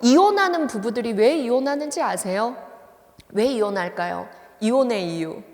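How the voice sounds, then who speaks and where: Female professor as seminar speaker, lively and a bit high-pitched, asks the crowd questions, long hall reverb. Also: normal speed. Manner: animated, acts out quoted lines, asks the audience questions. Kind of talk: church seminar lecture. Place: church hall.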